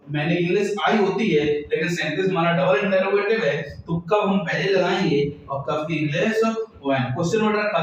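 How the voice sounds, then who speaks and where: A male teacher giving a grammar lesson, explaining slowly, asking his students questions and answering them himself. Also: fairly high pitch, slight background noise. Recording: echoey room, far from the mic, dull lo-fi sound.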